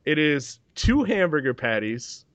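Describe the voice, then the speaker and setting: Man, 30s, podcast co-host, joking, slightly high pitch, dry muffled recording. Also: big pitch swings, measured pace, a bit bright, no echo. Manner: jokey, laughs often. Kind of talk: casual chat.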